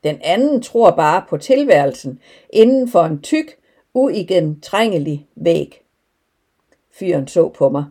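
A woman narrating an audiobook in a calm, measured first-person reading. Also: on the low side, breathy edge. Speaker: audiobook reader.

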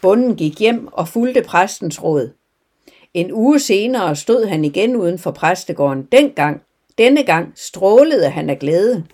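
A woman telling a parable and then reflecting on it in a calm, measured devotional talk. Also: lowish voice. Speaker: devotional speaker. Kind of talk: storytelling sermon.

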